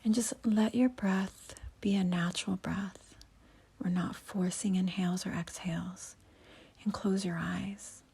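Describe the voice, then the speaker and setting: A woman teaching yoga breathing and meditation in a soft, husky, near-whispered voice, giving unhurried instructions. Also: medium pitch, fairly even intonation.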